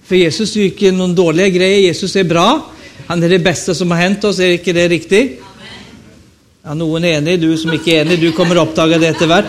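A Swedish man in his fifties with a Stockholm accent and a high voice preaches as an evangelist at a revival meeting. His sermon is chatty and joking, and he often asks the audience questions.

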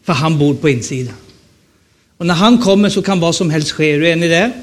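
With a slightly high, lively voice, this Swedish evangelist in his fifties speaks with a Stockholm accent. At a revival meeting, he gives a joking, conversational sermon full of questions for the audience.

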